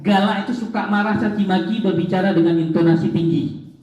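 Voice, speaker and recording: A high-pitched yet mellow male voice with a lilt, giving a seminar to parents. He talks in a lively, joking way and jumps up in pitch to stress his points. The sound is dull and lo-fi, with hall echo. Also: brisk. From Aceh, Indonesia. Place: large hall.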